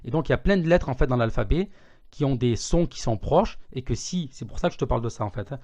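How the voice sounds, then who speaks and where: A man giving an online language lesson, patiently repeating words slowly to contrast their sounds. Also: mid-range voice, animated, darkish tone. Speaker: Arabic teacher. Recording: slightly dull lo-fi audio.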